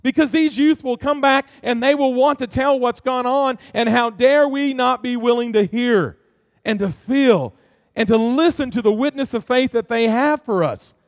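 Middle-aged pastor, unusually high male voice, dry close sound, earnest folksy sermon full of questions. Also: moderate pace, no echo. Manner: earnest preaching with many rhetorical questions; folksy, tells family stories.

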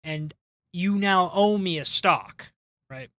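A man's voice: high-pitched, slow, sharp tone, no echo. A man on a podcast casually explaining things step by step in short phrases.

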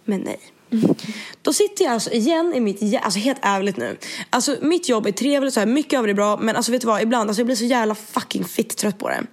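A young woman with a speech impediment, casually retelling an event and acting out what everyone said. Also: fairly high pitch. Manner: animated, quotes others with "jag bara", swears freely. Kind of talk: casual storytelling chat.

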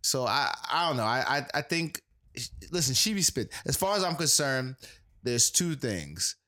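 A man's voice: mid-range voice, sing-song, moderate pace, pushed and bright. A man co-hosting a podcast in casual chat, playful and stammering. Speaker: podcast co-host.

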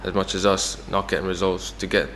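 Young irish guy, low steady voice, talks quick, bit of reverb on it. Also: a little hiss or hum. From Ireland. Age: young adult. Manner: chatty, many fillers like "you know". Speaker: footballer guest. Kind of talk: casual interview.

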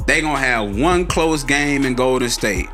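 An American man arguing in a hyped-up, animated way in a casual basketball debate. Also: medium pitch, normal speed. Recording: music playing under the talk.

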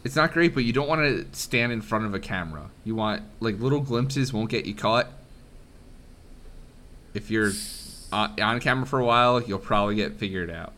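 A man running a tabletop game as game master, narrating scenes in a lively, playful way. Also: lowish voice, normal speed, slight background noise.

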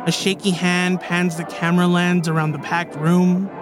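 A man's voice: sits high, flat delivery, normal speed. A man hosting a podcast, telling a true story in scripted documentary narration. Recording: music bed behind the voice.

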